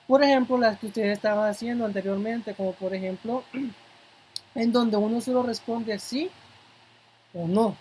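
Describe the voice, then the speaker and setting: A woman's voice: fairly high pitch, a little mellow, a little hiss or hum, rough recording. Woman teaching a patient English lesson. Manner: explains step by step, repeats example words slowly for pronunciation. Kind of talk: classroom-style language lesson.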